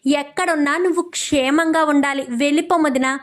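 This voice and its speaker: A woman's voice: high voice, fairly even intonation, normal speed, close to an everyday voice. A woman voicing an anguished young husband pleading and confessing his love.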